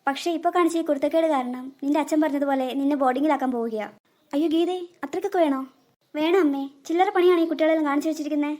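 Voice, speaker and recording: A woman doing cartoon dialogue with a scolding, expressive manner. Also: high voice, rapid-fire. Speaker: cartoon voice actor, narrating several characters.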